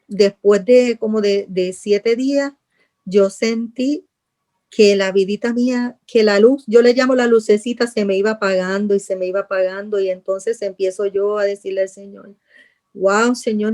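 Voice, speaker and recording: A middle-aged woman, telling her personal testimony in an interview, earnest and repeating phrases, dropping softly when she recalls praying. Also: mid-range voice.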